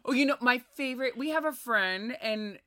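A woman's voice: fairly high pitch, no room sound, clean studio sound. A woman co-hosting a casual podcast chat, swearing freely and joking as she talks. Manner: profane, animated, quick to joke. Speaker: podcast co-host.

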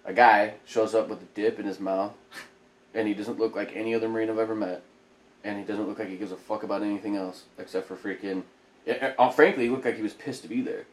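A man from Idaho, a former Marine, telling his story as a podcast guest in a profane, animated way. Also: on the low side, quick pace. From Idaho, United States. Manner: profane, animated storyteller who acts out quotes. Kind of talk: casual interview storytelling. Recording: echoey room, faint background noise.

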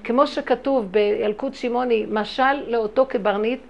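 A middle-aged woman giving a spiritual talk to an audience, telling her stories emphatically and dramatically, with big swings in loudness. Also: on the high side, fairly even intonation, creaky, lo-fi sound. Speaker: religious speaker.

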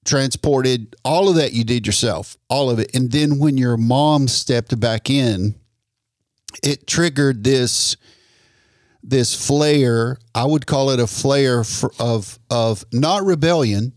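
A man hosting an interview podcast, speaking in a measured, reflective way and affirming his guest. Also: medium pitch, no room sound, studio quality. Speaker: podcast host.

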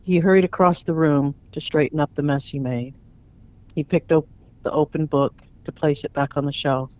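A man with a voice a little higher than most men's reads his short story aloud in an earnest, reflective way. The recording sounds dull and lo-fi. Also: steady tone, normal speed, a little mellow, no room sound. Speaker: guest author. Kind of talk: spoken word story reading.

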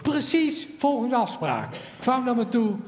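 Animated man telling a story in an echoey hall. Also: very high-pitched, a little slow, slight background noise. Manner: animated storyteller, slightly broken Dutch grammar. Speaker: speaker giving a personal testimony. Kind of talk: personal storytelling. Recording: echoey hall with long reverb.

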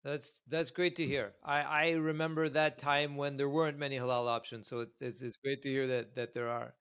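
A man's voice: mid-range voice, little pitch movement, normal speed, a bit bright, clear, resonant tone. A man hosting a podcast, interviewing a guest in a friendly way with some hesitant restarts. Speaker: podcast host.

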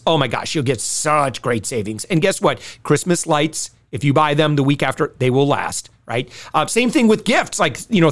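A man hosting a podcast in a conversational, advice-giving style, addressing the listener directly and often checking in with short questions. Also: high voice. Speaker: podcast host. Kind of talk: conversational sponsor read and shopping advice to listeners.

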